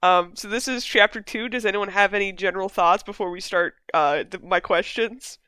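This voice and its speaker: A woman hosting a casual book discussion, chatty and quick to laugh. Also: medium pitch, bright, forceful tone, clean tone, no echo. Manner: chatty, laughs between questions. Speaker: book club host.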